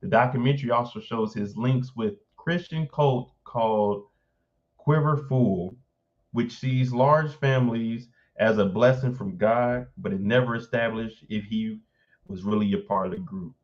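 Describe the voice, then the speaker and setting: A man's voice: medium pitch, unhurried, dull audio. A man hosting a casual live stream, reading an article aloud and breaking off to react with blunt, informal asides.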